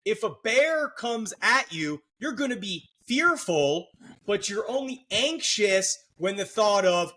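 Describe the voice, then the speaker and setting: A man's voice: high voice, expressive, slow pace, bright, forceful tone. A middle-aged man hosting a podcast, explaining psychology in a casual, joking way with lots of fillers. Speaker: podcast host, therapist.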